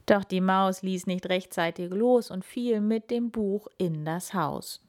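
A woman in whispered story reading, telling a children's story aloud in a slow, hushed way. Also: mid-range voice.

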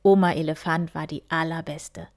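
A woman softly whispering a children's story, reading one tale after another. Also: sits low, fairly even intonation, moderate pace. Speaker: reader.

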